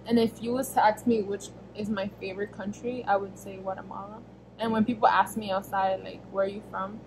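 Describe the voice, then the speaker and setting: A woman's voice: medium pitch, flat delivery, brisk, darkish tone, a little hiss or hum, low-quality recording. A young American woman answering viewer questions in a casual vlog, talking in a rambling way with many fillers and self-corrections, recorded on a camera close in front of her in a small bedroom. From United States. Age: young adult. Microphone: camera at arm's length, face framed close.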